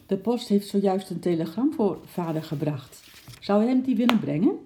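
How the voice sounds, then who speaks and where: A narrator voicing a brisk, caring mother giving her daughter an errand. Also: mid-range voice, expressive, background noise, voice pushed up, natural voice.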